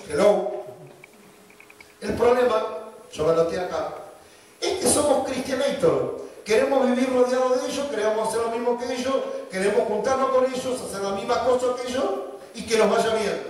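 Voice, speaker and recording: Rioplatense pastor, high-pitched man, wry and mocking, heard from afar in a reverberant church. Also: normal speed. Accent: Rioplatense Spanish. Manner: joking, mocking, acts out quoted voices. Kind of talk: sermon. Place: church hall. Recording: echoey church from a distance.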